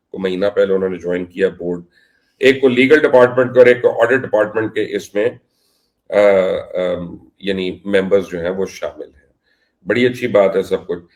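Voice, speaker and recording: A man from Pakistan hosting an investigative cricket commentary vlog, speaking emphatically and in a confrontational, accusatory way. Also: lowish voice.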